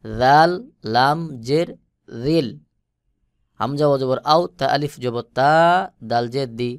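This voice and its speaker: Slow, crisp-voiced man teaching recitation. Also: medium pitch, dry recording, studio quality. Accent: Bangladeshi Bengali. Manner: drills letters slowly, chants recitations louder and drawn out. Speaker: Quran reading teacher. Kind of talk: slow spelled-out recitation lesson.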